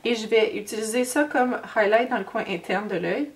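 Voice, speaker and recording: On a faint-noise, distant-mic recording, a woman with a head cold and a Québécois French accent explains a makeup tutorial. Her voice is on the high side at a normal speed. As a beauty vlogger, she's chatty and hesitant, with many fillers and slips.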